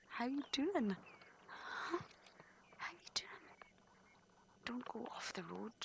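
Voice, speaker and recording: A woman's voice: low-pitched, creaky. Whispering woman watching wildlife. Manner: hushed whispering while watching an animal close by. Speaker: safari guide and live wildlife presenter. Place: outdoors in a safari vehicle. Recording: faint outdoor background noise.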